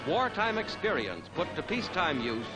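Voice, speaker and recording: 1940s newsreel announcer over loud music. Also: male voice, on the high side, big pitch swings, poor audio. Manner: brisk announcer delivery. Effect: old newsreel narration. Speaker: newsreel narrator.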